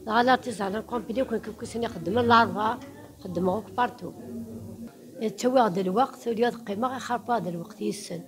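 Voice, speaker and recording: An older woman exhibitor talks quickly and casually. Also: a little high. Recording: crowd noise behind.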